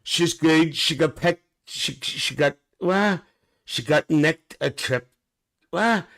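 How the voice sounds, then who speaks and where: Acting as a gossipy older aunty hosting a live stream, a man reads comments and trades bawdy comic chat with viewers, laughing a lot and calling them dear. He speaks slowly in an exaggerated voice that is on the high side, creaky, and a bit bright.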